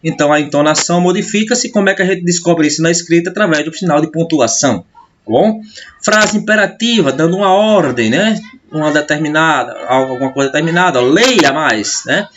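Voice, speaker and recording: A man's voice: a little high, brisk, a bit bright, muffled recording, slight background noise. A teacher with a Brazilian Portuguese accent giving a classroom grammar lesson over slides. He keeps checking in with the class and answers his own questions. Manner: checks in constantly with "tá?" and "né?"; asks questions then answers them himself.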